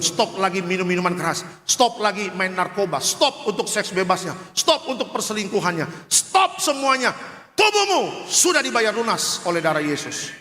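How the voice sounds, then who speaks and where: A man's voice: a little high, fairly bright tone, slight background noise. A man pastor preaching a sermon in a large church hall, emphatic and joking, questioning the congregation.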